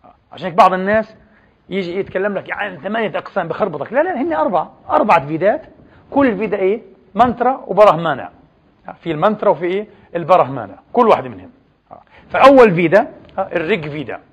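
A man lectures in a slightly raised, husky voice, keeps firing questions at his listeners and answering them himself. The recording is dull and lo-fi. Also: sits high, animated, rapid-fire, a bit bright. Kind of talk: religious history lecture.

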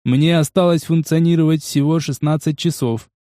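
A man's voice: on the high side, normal speed, no room sound, natural voice. A man voicing a battered male combat robot with a metallic, unemotional voice in an audiobook. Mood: impassive. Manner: flat, unemotional delivery. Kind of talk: audiobook narration.

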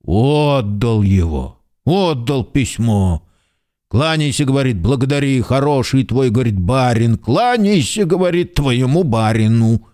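A man's voice: mid-range voice, lively intonation, mellow, natural voice. A man doing a sly, tipsy old-style servant. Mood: evasive. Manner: slow, droning drawl with repeated "he says". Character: stubborn, tipsy manservant, sly and evasive. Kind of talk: literary radio drama.

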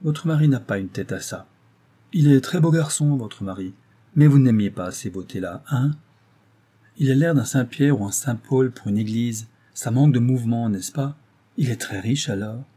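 A man voicing a tipsy, boisterous young gentleman in an audiobook, loud and teasing. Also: mid-range voice, moderate pace, slightly rough, natural voice. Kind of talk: audiobook character voice.

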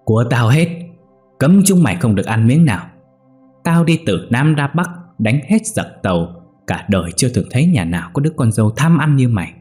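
A man voicing a sharp-tongued old village mother-in-law, scolding in a shrill, shrieking voice. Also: big pitch swings, moderate pace, faint music behind. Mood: spiteful.

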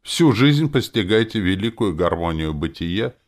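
A man's voice: medium pitch, big pitch swings, normal speed, voice pushed up, lightly acted. A man voicing a grumpy, stern older elf architect and father in an audiobook, blustering and formal by turns. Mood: solemn. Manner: blustering, then solemn and formal.

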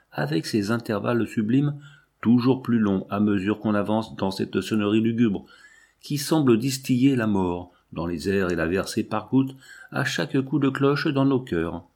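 Male audiobook narrator, low husky voice, slow solemn literary reading. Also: darkish tone.

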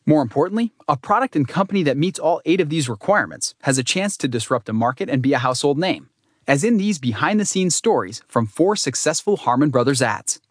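A man's voice: a little high, lively intonation, fairly quick, no echo. A man reading nonfiction narration with dry, wry humor. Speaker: audiobook narrator.

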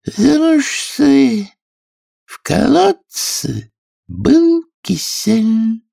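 A dozy storybook dormouse, acted by a male narrator speaks in a thin, very high voice that seems to come from further away. Her words stretch out slowly and sleepily. The delivery stays soft and yawning. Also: huge pitch swings, exaggerated voice. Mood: drowsy. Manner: slow, drawling, high and breathy. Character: sleepy drowsy female dormouse.

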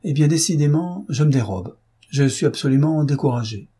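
A worldly gentleman speaks in a storybook reading, as a man voices him. He sounds half serious and half ironic, coaxing and wry. His voice is mellow and warm, with a husky edge. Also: medium pitch, lively intonation, normal speed. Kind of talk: audiobook reading.

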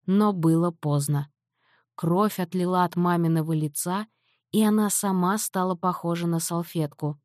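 A woman narrating a first-person novel in an even, storytelling manner on a close mic. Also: on the low side, moderate pace, no echo. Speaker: audiobook narrator.

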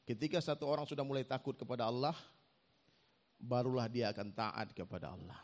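A man preaching a lively storytelling sermon, giving his own testimony and acting out the dialogue while joking with the audience. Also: mid-range voice.

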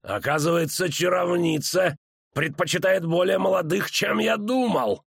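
Guy doing a sneering old bounty hunter, slow and taunting, dry sound. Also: fairly high pitch, expressive, vocal fry, no echo, voice pushed up, full character voice. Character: menacing older male bounty hunter, mocking.

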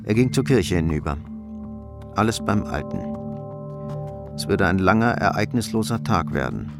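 A man with a low, creaky, expressive voice narrates a crime radio drama at normal speed in a sober, scripted storytelling style. The mood is sober and suspenseful, recorded in a studio under loud music.

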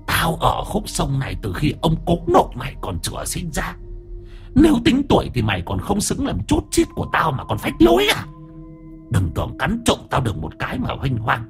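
A man's voice: a little high, huge pitch swings, normal speed, gravelly, soft background music, voice pushed up, full character voice. A man voicing a spiteful centuries-old female river ghost in a sneering, menacing way, for a spoken horror story.

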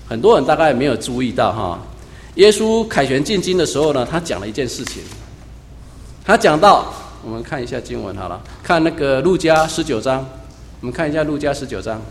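A man preaching a sermon as pastor, swinging between loud emphatic lines and quiet low asides. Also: lively intonation, brisk, long reverb tail, a little hiss or hum.

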